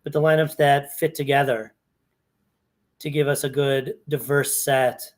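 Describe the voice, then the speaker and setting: A man's voice: mid-range voice, fairly even intonation, measured pace. A man talking through fantasy hockey lineups in a casual walkthrough, thinking aloud and correcting himself as he goes. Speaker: fantasy sports analyst. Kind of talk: casual screen-share walkthrough.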